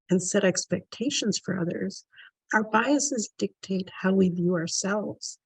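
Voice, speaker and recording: A woman moderating a panel discussion, reading a prepared talk in a slow, measured way. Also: medium pitch, darkish tone, slightly rough, dry recording, low-quality recording. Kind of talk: prepared presentation.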